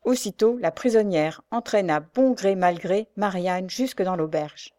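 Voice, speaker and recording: A woman reading a novel aloud in calm, measured narration. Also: mid-range voice, no room sound, clean studio sound. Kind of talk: scripted audiobook narration of a novel.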